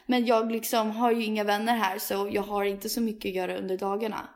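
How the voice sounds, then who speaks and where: A woman's voice: mid-range voice, flat delivery, a little mellow. A woman co-hosting a podcast, chatting casually and asking curious questions. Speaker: podcast co-host. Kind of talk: casual chat.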